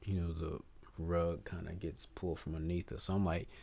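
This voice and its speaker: Deep-voiced easygoing male podcast guest. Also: flat delivery, darkish tone. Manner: easygoing, halting, searches for words, casual "man" and "I'ma". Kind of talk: casual podcast conversation.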